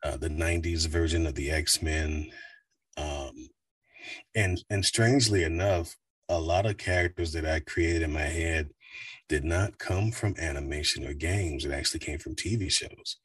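Deep baritone voice actor, slightly off-mic. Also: male voice, slightly rough, no echo, far from the mic. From United States. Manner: animated, slips into quick voice demos. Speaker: voice actor and coach. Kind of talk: casual interview talk.

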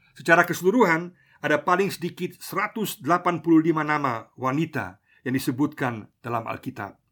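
Pastor preaching a radio sermon. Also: male voice, a little high, a bit bright. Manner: measured preaching, slows for emphasis, uses Papuan slang phrases.

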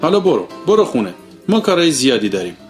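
A man voicing a scornful street boy who leads a gang, with a rough, hoarse, throaty voice. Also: medium pitch, very animated, faint music behind, voice pushed up, close to an everyday voice.

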